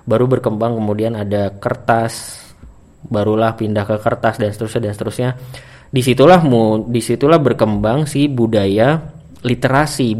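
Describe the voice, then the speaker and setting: A young man from Indonesia, talking to camera in a relaxed, chatty monologue full of fillers and restarts. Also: medium pitch. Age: young adult. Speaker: vlogger. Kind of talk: casual monologue.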